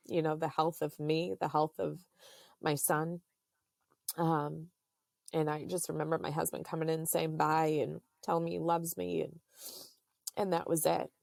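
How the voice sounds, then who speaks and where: Low, gravelly woman telling a story slowly. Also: little pitch movement, darkish tone, no echo, studio quality. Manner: halting, with many fillers; earnest and faith-filled. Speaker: podcast guest. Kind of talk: personal storytelling in a podcast interview.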